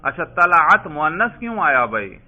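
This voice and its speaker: A man's voice: fairly high pitch, sing-song. A man teaching Arabic grammar in a classroom lesson, quizzing his students and calling them brother. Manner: quizzing, prompting students for answers; addresses listeners as brother. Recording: tinny phone-like lo-fi recording.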